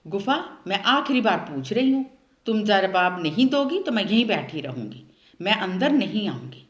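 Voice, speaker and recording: A woman's voice: medium pitch, big pitch swings, normal speed, natural voice. A woman doing a sweet-talking clever fox. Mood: firm. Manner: coaxing, sing-song pleading. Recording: roomy echo.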